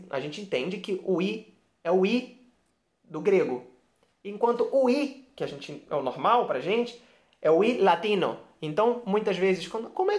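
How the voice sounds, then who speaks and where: Slow, patient Brazilian male teacher. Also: high-pitched. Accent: Brazilian Portuguese. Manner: patient, repeats sounds slowly for the viewer; often checks understanding with "ok?". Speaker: Spanish teacher. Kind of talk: video lesson.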